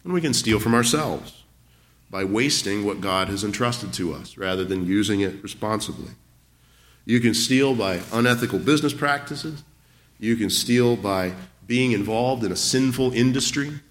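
A man's voice: lowish voice, a little slow, fairly bright tone. A man pastor preaching a sermon, building to emphatic points with rhetorical questions.

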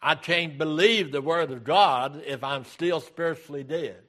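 A man preaching a sermon as pastor, reading scripture aloud and repeating key phrases in a deliberate way. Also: a little high, a bit bright.

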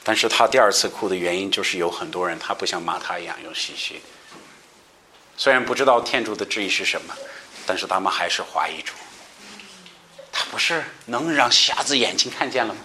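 A man leading a Bible study sermon, explaining passages verse by verse and asking his listeners questions, moving between raised emphatic stretches and quiet asides. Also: low voice, animated, a little fast, a little hiss or hum.

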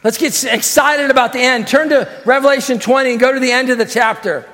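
High-voiced fervent preacher man. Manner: fervent preaching, rising to shouts and slow emphatic lines. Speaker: pastor. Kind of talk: sermon. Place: church sanctuary. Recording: long hall reverb.

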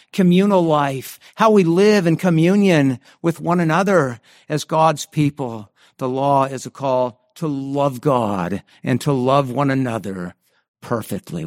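A man's voice: mid-range voice, dry recording, clean studio sound. Earnest male pastor preaching a sermon. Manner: earnest, emphatic preaching with frequent restarts and repeated phrases.

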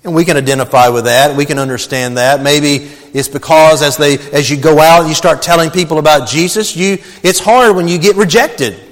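A man's voice: fairly high pitch, fairly quick, few pauses. Earnest preaching man in a reverberant hall. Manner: earnest storytelling, addresses listeners as beloved. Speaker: pastor. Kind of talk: sermon.

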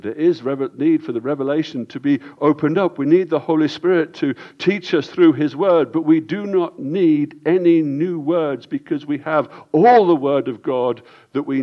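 A man preaching a sermon as pastor, earnest and deliberate, often restarting and repeating his words. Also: on the high side, dull audio.

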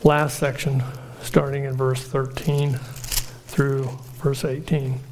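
A man preaching a sermon in an earnest, measured way, slowing down for emphatic lists. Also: medium pitch, level tone, darkish tone, slight background noise.

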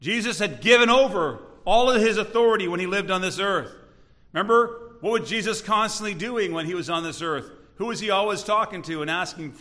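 Guy preaching, high voice, keeps asking the crowd "remember?", acts out the bible bits. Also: fairly quick. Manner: animated storytelling, acting out Bible voices; asks the audience questions. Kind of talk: sermon.

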